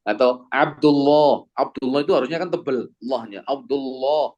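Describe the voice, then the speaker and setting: A man teaching Quran recitation to a class, asking questions and demonstrating sounds in slow, drawn-out recitation. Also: mid-range voice, darkish tone, highs cut off. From Indonesia. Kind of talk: classroom lesson with audience replies.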